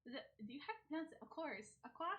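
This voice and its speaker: A woman's voice: high voice, expressive, racing, darkish tone. A woman streamer chatting casually and gigglily with her live audience between songs. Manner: casually sweary. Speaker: streamer, singer.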